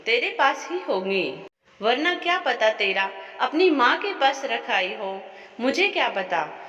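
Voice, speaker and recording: A scheming, sharp-tongued older mother-in-law, as a woman storyteller puts her on, brushing everyone off in a scolding storybook voice. Her lines come slowly, with a lively rise and fall. The sound is roomy and echoey, a little dull and lo-fi. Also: fairly high pitch. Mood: dismissive. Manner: scolding, dismissive.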